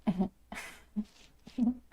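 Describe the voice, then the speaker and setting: A woman hosting a casual live stream, excitable and dramatic, often laughing and reacting to viewer comments. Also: very slow.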